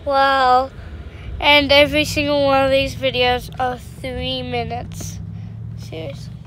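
A young woman vlogging from the back seat of a car in a car wash, excitable, squealing and laughing. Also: high-pitched, takes it slowly. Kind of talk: casual vlog commentary. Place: inside a car going through a car wash. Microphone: phone camera held in the back seat. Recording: noisy car wash background.

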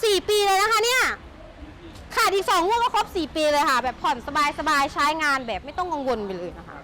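A woman with a strikingly high voice hosts a chatty sales walkaround, gushing with enthusiasm over what is on offer. The recording is noisy and handheld, with vehicle sounds behind her. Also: sing-song, fairly quick. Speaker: motorbike shop sales host and presenter.

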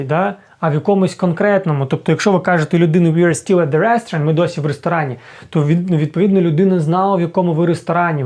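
A man teaching an English lesson, patiently explaining and repeating sounds slowly to demonstrate them. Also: on the high side, warm tone.

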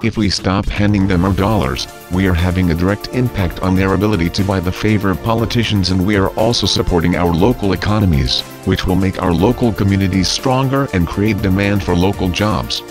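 Male narrator, low voice, solemn scripted political address, clear music bed underneath. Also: a little fast, hardly any pauses.

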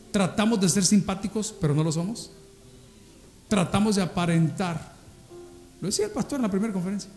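Lively Salvadoran pastor preaching. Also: male voice, a little high. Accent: Salvadoran Spanish. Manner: lively, humorous storytelling that acts out dialogues. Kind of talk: sermon.

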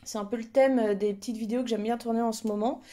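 A woman's voice: a little high, fairly even intonation, fast, dark tone. A woman chatting casually through an unboxing in an effusive, admiring way, her mouth numb from the dentist so that speech is slightly impeded. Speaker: host of unboxing videos.

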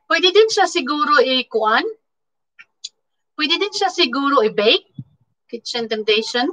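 A woman with a Filipino accent chatting casually with live viewers, mixing languages, thanking people by name and pausing on fillers. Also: high-pitched, lively intonation, fairly bright tone, rough recording. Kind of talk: casual live-stream chat. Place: indoors at home in Canada.

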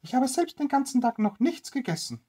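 Greedy old woman, stingy and grumbling, shrill and very high, slightly husky, a bedtime storybook role. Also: sing-song, brisk, dark tone, heavily acted. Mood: suspicious.

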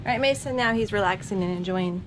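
A middle-aged woman, a family vlogger, chats casually and upbeat through a home-renovation vlog at a small lake house, rambling with ums as she moves indoors and around the yard. She speaks a little fast in a mid-range voice, crowd noise behind her, recorded on a handheld camera held at arm's length.

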